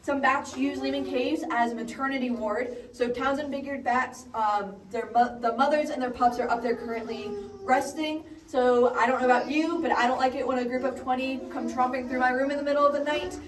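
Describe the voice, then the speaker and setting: A woman guide speaks to a tour group inside a cave, her fairly high voice ringing with heavy echo. She is picked up from a distance and explains things plainly, with the odd light aside. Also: fairly even intonation, normal speed. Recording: echoey cave, distant mic, faint noise.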